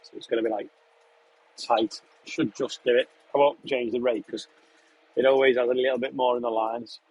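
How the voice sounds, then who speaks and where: The recording is low quality with a little hiss or hum as a young Englishman streams live from his sprayer cab out in a field. In a mid-range voice at normal speed, he's relaxed and chatty, fielding viewers' questions while commenting on the work he's doing.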